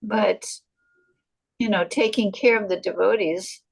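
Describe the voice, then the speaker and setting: An older woman answering in an online devotional discussion, speaking haltingly with restarts. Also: mid-range voice, steady tone, vocal fry, slightly rough, rough recording. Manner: halting, with restarts and self-corrections. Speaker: guest answering questions.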